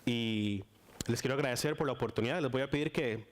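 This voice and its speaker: A man's voice: medium pitch, a little fast, a little hiss or hum. Costa Rican man preaching a sermon. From Costa Rica. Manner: chatty and warm with frequent fillers and restarts. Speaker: guest preacher.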